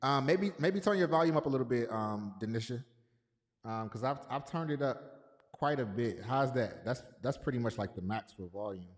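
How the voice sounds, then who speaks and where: A man's voice: mid-range voice, animated, moderate pace. A man hosting a casual livestream, speaking in a mid-range voice. He talks loosely and repeats himself, calling out viewers by name. A long, echoey reverb trails each phrase. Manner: loose and repetitive, greeting chat viewers by name. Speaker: livestream host.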